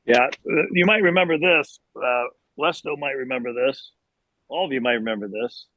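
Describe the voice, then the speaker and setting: A man's voice: mid-range voice, normal speed, no room sound, highs cut off. A man who played on the team, casually recalling a play from a game. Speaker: former player. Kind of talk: casual reminiscing.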